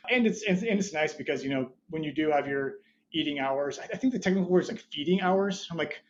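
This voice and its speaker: A man's voice: on the high side, fast. Rambling man guest, slightly muffled. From Budapest, Hungary, raised there as an American. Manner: rambling, many restarts, laughs between thoughts. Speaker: guest, startup founder. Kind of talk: casual interview chat.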